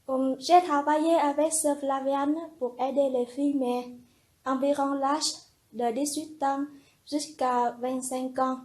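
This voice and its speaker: Slow, high-voiced young nun. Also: female voice, steady tone, a little mellow. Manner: slow, earnest, simple phrasing. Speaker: religious sister in formation. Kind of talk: personal testimony.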